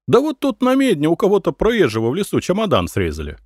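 A man's voice: sits high, wildly swooping pitch, fast talker, a little mellow, dry recording, studio quality, voice pushed up, full character voice. A man voicing a plain-spoken peasant woman at a village inn, with a drawling folk way of talking. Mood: matter-of-fact.

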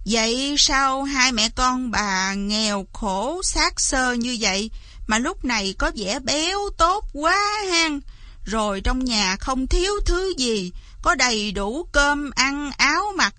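A woman doing a sharp-tongued landlord's wife, her voice riding high and pointed. She speaks slowly and bitingly, read close to the mic in a dry, dead room. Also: lively intonation, no room sound, heavily acted. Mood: accusing. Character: scheming shrill landlord's wife, older woman.

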